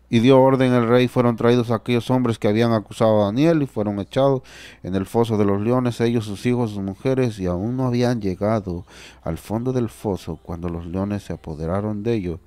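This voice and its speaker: Low, mellow-voiced male preacher. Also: smooth, no room sound. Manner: earnest, repeats phrases for emphasis. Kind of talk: sermon with scripture reading.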